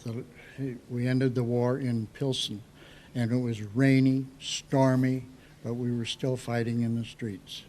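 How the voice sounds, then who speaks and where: American male, 80s, veteran recalling the war; unhurried, halting, reflective delivery, medium pitch. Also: little pitch movement, darkish tone, slight background noise. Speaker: World War II veteran being interviewed. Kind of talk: recounting war memories in an interview.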